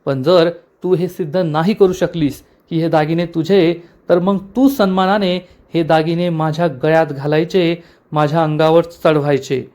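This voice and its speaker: A man's voice: on the high side, steady tone, normal speed, darkish tone, lightly acted. A man voicing a scheming, quarrelsome and proud village mother who scolds and pleads theatrically. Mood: defiant.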